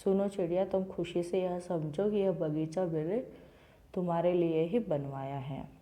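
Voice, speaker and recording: Woman teacher, reads a story aloud then explains each line, lowish voice, mellow and relaxed tone. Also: unhurried. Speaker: school teacher. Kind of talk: reading a Hindi textbook lesson aloud and explaining it to children.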